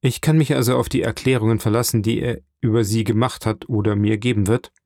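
A man voicing a measured, businesslike male prison inspector in an audiobook reading. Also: lowish voice, steady tone, a little mellow, dry recording, studio quality, natural voice. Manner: matter-of-fact, businesslike.

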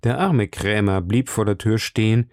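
A man narrates an audiobook in a steady, measured way. His voice sits fairly low. The recording is dry and close. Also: no room sound. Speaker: audiobook reader. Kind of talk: scripted narration.

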